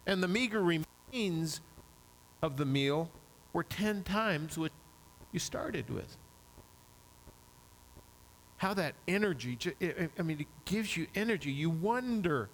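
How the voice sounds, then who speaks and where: Slow gravelly preacher man. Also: on the high side, expressive, a little hiss or hum, rough recording. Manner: vivid second-person storytelling. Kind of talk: sermon.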